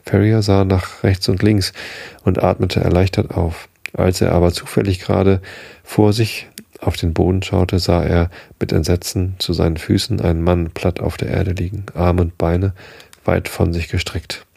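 A man narrating a literary story in a measured, steady storytelling voice. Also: low voice, vocal fry, slightly rough, no echo, clean studio sound. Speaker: audiobook narrator.

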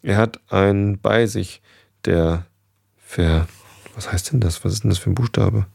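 A man's voice: lowish voice, unhurried, vocal fry, darkish tone, slightly rough, no echo, clean studio sound. A man reading a children's book aloud in a casual way, stumbling over words and correcting himself, recorded at home on a desk microphone. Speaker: reader.

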